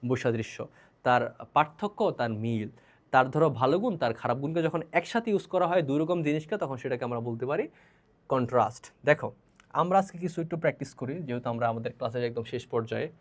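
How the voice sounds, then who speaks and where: A man's voice: mid-range voice, lively intonation, fast talker. A young man with a Bangladeshi accent teaching a class, explaining step by step, repeating key terms and checking in with the students often. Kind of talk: classroom lecture.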